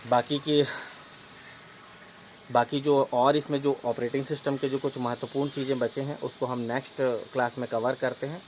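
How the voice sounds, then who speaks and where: A man's voice: mid-range voice, flat delivery, normal speed, a little mellow, slight background noise, poor audio. A male teacher giving an exam-prep lesson, explaining memory tricks step by step and often repeating and checking with "okay".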